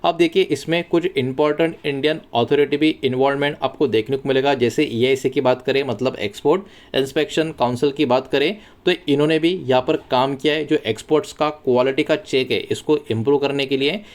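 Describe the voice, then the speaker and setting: A man's voice: mid-range voice, steady tone, brisk, few pauses. Man explaining market news casually. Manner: conversational, mixes English words into Hindi, repeats phrases. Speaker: stock market channel host.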